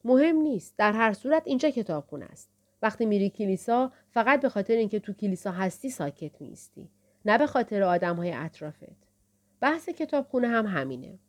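Woman reader doing an older woman librarian, calm, firm, patient, reasoning. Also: mid-range voice, close to an everyday voice.

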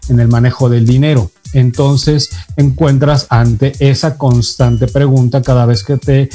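A man with a mellow, warm voice gives a motivational self-help talk, addressing the listener directly. He keeps checking in with short questions as he explains. Soft music plays faintly behind him. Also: medium pitch, fairly even intonation, unhurried.

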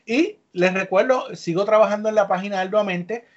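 A chatty man hosting a casual podcast, keeping the talk moving. His voice sits a bit high for a man. The audio is dull and lo-fi. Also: normal speed. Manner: chatty, upbeat, leading the talk. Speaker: podcast host.

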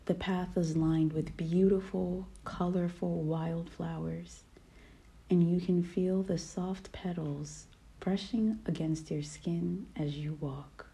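A woman guiding a meditation in a calm, soft voice that often drops to a whisper. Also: fairly low pitch, slow, vocal fry. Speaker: podcast host. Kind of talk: guided meditation.

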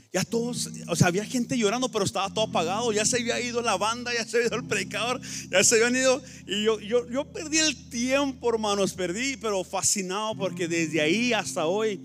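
A man giving a fervent, halting church testimony to the congregation, slipping in English words. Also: sits high. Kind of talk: testimony sermon. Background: guitar music.

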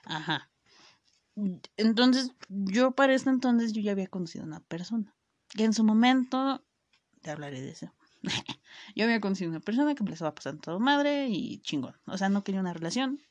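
Brisk and expressive, this young woman speaks with a medium pitch and a Mexican accent while sharing a personal story with viewers. She's slangy, swears a lot, uses plenty of fillers, and keeps interrupting herself to restart; the lo-fi sound has no echo.

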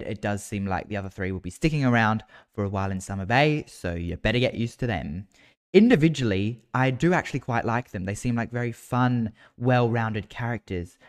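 A man's voice: lowish voice, clear, resonant tone. An Australian man hosting a podcast, talking in a casual, chatty and informal way. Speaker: podcast host. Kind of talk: casual solo podcast chat about a TV soap.

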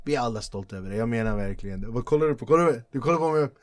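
A man in his forties, a comedian and host, telling stories in a casual chat, animated and slangy, laughing often. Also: mid-range voice. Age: 40s.

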